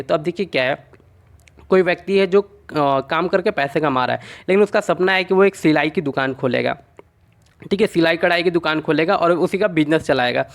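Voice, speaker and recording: Male tutor with a high voice; chatty mnemonic lessons, answers his own questions. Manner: repeats "okay" often, asks and answers his own questions; explains through short made-up stories. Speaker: exam-prep teacher.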